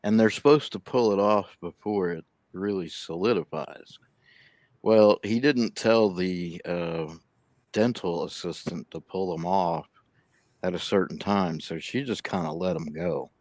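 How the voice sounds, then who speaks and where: A man's voice: low voice, measured pace, a little mellow, no room sound. A man with a slight lisp from missing front teeth, chatting casually on a live stream, telling a long rambling story and mumbling a little. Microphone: laptop.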